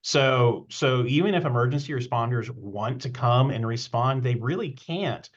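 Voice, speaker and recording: A man giving a casual technical presentation on a webinar, relaxed and hesitant, with many ums and uhs. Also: mid-range voice, normal speed, highs cut off.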